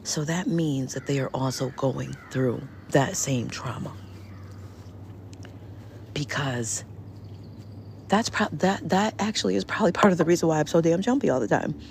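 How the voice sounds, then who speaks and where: A woman telling her story in a casual vlog from home, halting with many restarts and often dropping to near whispers. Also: low-pitched, gravelly, darkish tone, a little hiss or hum. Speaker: vlogger. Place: indoors at home.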